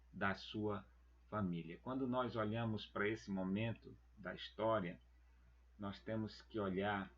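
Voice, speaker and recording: Slow, husky man teaching a Bible lesson. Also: on the low side, dull audio. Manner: slow, deliberate, addresses listeners as beloved brethren.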